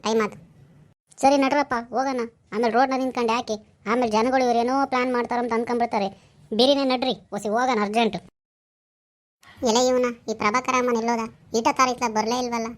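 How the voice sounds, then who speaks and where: A woman voicing a bossy, scheming village man in a comedy skit, speaking an in a hurried, urging way with hushed scolding. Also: on the high side, natural voice.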